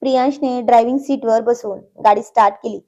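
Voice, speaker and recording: A woman narrates a storybook tale in a steady, expressive way. Her voice is mellow and a little high. The recording sounds dull and lo-fi. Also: fast.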